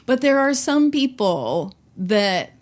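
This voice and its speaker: A woman's voice: fairly high pitch, big pitch swings, slow, noisy background. A woman in her forties hosting a podcast, talking bluntly and emphatically. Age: 40s. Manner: blunt, emphatic, swears for effect. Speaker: podcast host. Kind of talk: casual chat.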